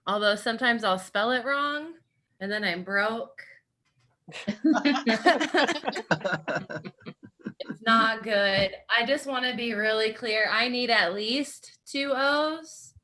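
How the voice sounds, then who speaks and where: A woman's voice: fairly high pitch, slow, long pauses, pushed and bright. An American woman from Nebraska doing a bubbly, giggly stand-up set. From United States, Nebraska. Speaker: stand-up comedian.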